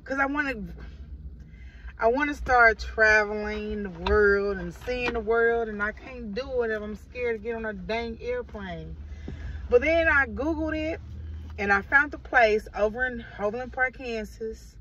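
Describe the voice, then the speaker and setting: A woman's voice: on the high side, unhurried, pushed and bright, far from the mic. A middle-aged woman with a Midwestern American accent rambles casually to her viewers from the driver's seat. Her voice sits a little back from the phone mic and sounds muffled. Faint car noise runs underneath. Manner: chatty and rambling, talking to viewers. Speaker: vlogger. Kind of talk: casual vlog chat. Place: inside a parked car. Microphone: phone held at arm's length.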